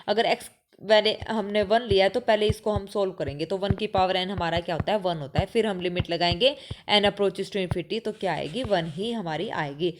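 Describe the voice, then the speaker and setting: A woman's voice: mid-range voice, normal speed, background noise. Woman teaching math, quizzing herself. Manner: asks rhetorical questions and answers them herself; mixes English math terms into Hindi speech. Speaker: mathematics teacher. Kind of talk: exam-prep lecture.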